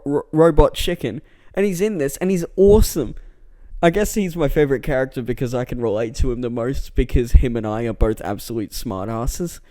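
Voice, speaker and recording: A man's voice: mid-range voice, dark tone, no room sound. Rambling, stammering man on a close mic. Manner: stammering, rambling, self-deprecating. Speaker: vlogger. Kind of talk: rambling casual monologue. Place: indoor room. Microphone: close mic with plosive pops.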